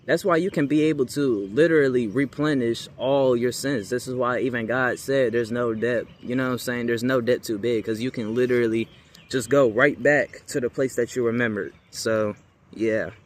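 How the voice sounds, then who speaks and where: Against obvious background noise, a young American man talks off the cuff to viewers about spiritual topics. His voice is medium-pitched and steady at a moderate pace, and his delivery is slangy, rambling, and full of emphatic repetition.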